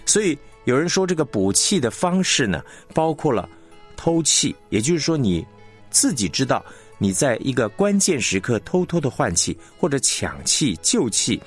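A man teaching announcing techniques in a recorded radio lesson, explaining in a measured, deliberate way and demonstrating how to phrase lines. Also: medium pitch, big pitch swings, husky, faint music behind. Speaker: broadcasting instructor.

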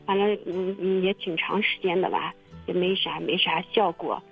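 A woman telling her own story in casual testimony, halting and repeating her words with many fillers. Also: on the low side, steady tone, gravelly, slightly rough, soft background music. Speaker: testimony guest. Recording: muffled phone-line radio recording.

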